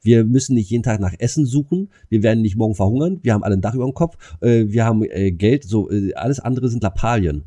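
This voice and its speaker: A man's voice: on the low side, lively intonation, quick pace, few pauses, mellow. A man in casual conversation, talking bluntly with slang and lots of filler words and restarts. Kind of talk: casual chat.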